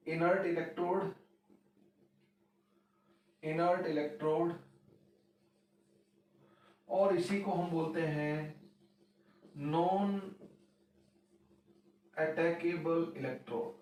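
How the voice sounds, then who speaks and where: A man with a high voice lectures a class at a slow, deliberate pace, dictating definitions word by word. His voice comes from far off in a very echoey room. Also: fairly even intonation, a little mellow. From India. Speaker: chemistry teacher.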